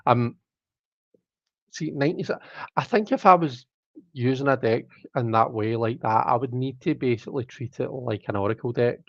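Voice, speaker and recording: A man's voice: medium pitch, moderate pace, no room sound. A man chats loosely and jokes at his own expense while hosting a live tarot stream. His voice sits mid-range and sounds dry and close, with a dull, lo-fi stream quality. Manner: chatty, self-mocking, reads out viewer comments. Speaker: tarot reader and livestream host. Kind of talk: casual live-stream chat.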